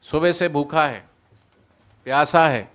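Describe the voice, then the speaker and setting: Man playing an anxious mama jackal, snappy and nagging, raised voice, slow and drawn out. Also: on the high side, fairly bright tone. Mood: scolding. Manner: scolding, exasperated. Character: frightened, impatient female jackal mother.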